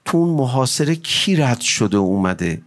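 A man leads a mourning recitation in a voice of ordinary pitch for a man. His delivery is impassioned and pleading. At times it swells into a chant. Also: big pitch swings. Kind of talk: emotional mourning recitation to a gathering.

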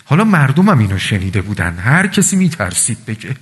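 A man preaching a religious sermon to a gathering, telling stories in a lively, animated way with voiced asides. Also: mid-range voice, husky. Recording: long reverb of a large hall.

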